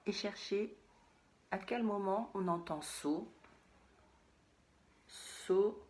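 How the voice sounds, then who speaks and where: A woman teaching a phonics lesson to young children, saying words slowly and repeating them, sometimes in a whisper. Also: mid-range voice.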